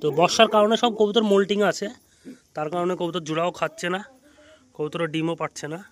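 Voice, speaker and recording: A man's voice: sits high, quick pace, a little hiss or hum. Chatty Bengali-accented man feeding pigeons. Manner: chatty, explaining while feeding birds. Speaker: pigeon keeper vlogger. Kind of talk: casual vlog to camera. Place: outdoors on a rooftop.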